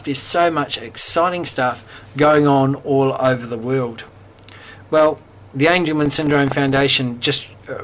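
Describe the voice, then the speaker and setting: A man's voice: mid-range voice, slight background noise. Upbeat New Zealand man reading community news. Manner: upbeat, chatty, with fillers. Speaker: host of a community news bulletin. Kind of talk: casual news announcements.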